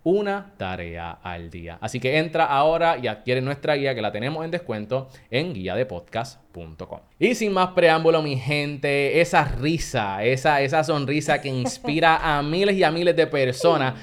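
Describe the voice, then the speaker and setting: A man hosting a business podcast, lively and laughing often as he reads ads and interviews his guest. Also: on the high side, normal speed, hardly any pauses, smooth. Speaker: podcast host.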